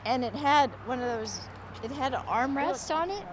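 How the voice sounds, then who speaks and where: A woman in her fifties tells a fond old story in casual chat, in a high voice. The voices of a crowd can be heard behind her. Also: animated, moderate pace. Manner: nostalgic storytelling.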